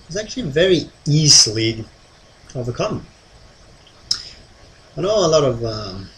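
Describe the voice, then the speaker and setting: A man with a mid-pitched voice talks to viewers as a hypnotist, explaining in a conversational way. His delivery is halting, broken by pauses and filler sounds. Ambient noise is clearly present behind him. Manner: hesitant, halting delivery with frequent long pauses and ums. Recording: clearly noisy ambient background.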